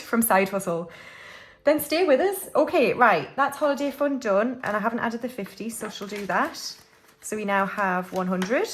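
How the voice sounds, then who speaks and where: A chatty British woman in her forties, a budgeting vlogger, talks in a mid-range voice with slight background noise. She rambles casually while stuffing cash envelopes, restarting often and using lots of fillers.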